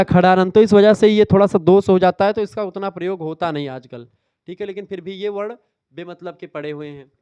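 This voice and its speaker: A man with a high, smooth, clear voice delivers an exam revision lecture. He explains step by step, repeats key terms and quizzes his students. The recording is dry and a little dull. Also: no room sound. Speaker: teacher.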